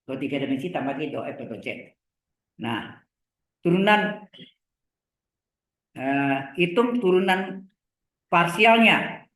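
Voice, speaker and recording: A middle-aged man lecturing on engineering mathematics, talking slowly, repeating terms and checking that the class follows. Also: fairly high pitch, animated, fairly bright tone. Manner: slow, repeats terms, asks checking questions. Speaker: university lecturer. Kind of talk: live lecture on vector calculus. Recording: echoey room.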